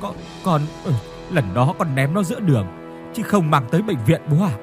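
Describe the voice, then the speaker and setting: A man's voice: fairly high pitch, big pitch swings, moderate pace, music in the background. A man voicing a frightened, guilty young husband who stammers in panic. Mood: panicked.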